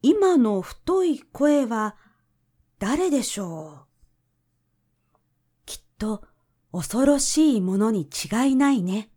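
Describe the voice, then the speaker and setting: Innocent, timid flower buds in a storybook, played by a woman, hushed and slow. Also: fairly high pitch, animated. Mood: hushed, fearful. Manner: hushed and wondering.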